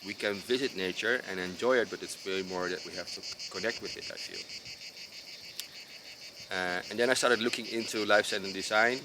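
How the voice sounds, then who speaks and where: This Dutch-accented man, a designer from the Netherlands, lays out his ideas casually while standing outdoors in rural mountains. He speaks slowly and unevenly in a low, deep voice, often pausing, using fillers and starting over. The background is noisy, with crickets and insects chirping clearly.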